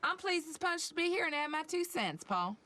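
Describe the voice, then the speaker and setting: A woman's voice: high voice, very animated, a little fast, pushed and bright, full character voice. A woman playing a chirpy folksy pundit. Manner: chirpy, folksy, self-assured. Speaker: panel guest.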